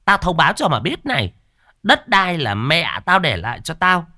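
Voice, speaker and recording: A man voicing a crude, greedy middle-aged woman who speaks in a shrill, brash falsetto in a ghost story. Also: very animated, measured pace, sharp tone, no room sound, clean studio sound, exaggerated voice. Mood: gloating.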